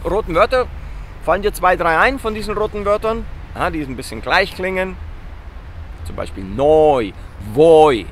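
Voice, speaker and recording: A man teaching basic Italian in a casual video lesson, lively, asking questions and repeating words slowly and loudly. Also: a little high.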